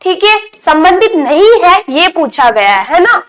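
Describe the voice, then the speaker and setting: A woman's voice: very high voice, sing-song, a little slow, a bit bright. A woman teaching an online exam-prep lesson, asking her class questions and then answering them, often repeating the key point.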